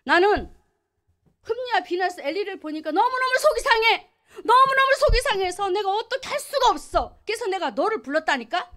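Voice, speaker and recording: A woman's voice: very high voice, sing-song, a little fast, sharp tone, voice pushed up, exaggerated voice. A woman preacher voicing God as a grieved, pleading heavenly father. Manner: emotional, pleading.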